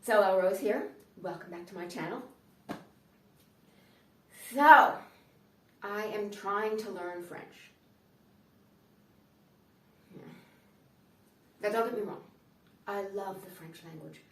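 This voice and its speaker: A woman's voice: medium pitch, slow pace, long pauses, a bit bright. American woman comic, dry sardonic stand-up monologue, recorded in an echoey room from a distant mic. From United States. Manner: dry, sardonic delivery with playful asides. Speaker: comedian.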